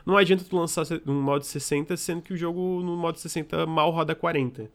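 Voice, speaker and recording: Fast-talking podcast host. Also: male voice, a little high, fairly even intonation. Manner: quick, opinionated, hedging. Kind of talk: casual chat.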